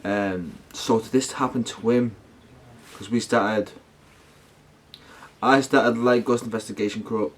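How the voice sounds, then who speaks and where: A man's voice: fairly low pitch, fairly even intonation, a little slow, pauses often. A man talking casually to his viewers as a paranormal vlogger, rambling and slangy, often correcting himself. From United Kingdom.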